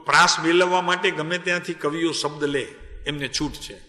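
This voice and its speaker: A man's voice: a little high, steady tone, moderate pace, sharp tone. A man giving a devotional sermon as a spiritual teacher, talking with his listeners and calling on them by name. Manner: conversational, calls on listeners by name. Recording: echoey hall reverb.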